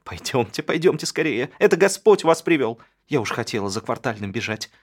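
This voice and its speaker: A man's voice: fairly low pitch, moderate pace, darkish tone, husky. A man voicing a frantic middle-aged woman who pleads through sobs. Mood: pleading. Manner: sobbing, pleading.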